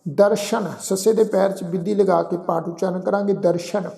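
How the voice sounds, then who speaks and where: Man slowly chanting scripture in an echoey room. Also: sits high, fairly even intonation, vocal fry, mellow. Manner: drawn-out recitation alternating with brisk explanation. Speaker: Gurbani recitation teacher. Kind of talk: slow chanted scripture recitation with spoken explanations.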